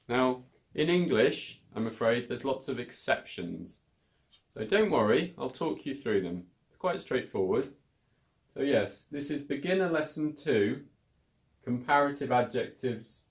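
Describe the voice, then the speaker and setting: Male teacher, patient and slow, repeats words clearly for beginners. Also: medium pitch. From United Kingdom. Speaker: English teacher. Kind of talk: beginner English lesson.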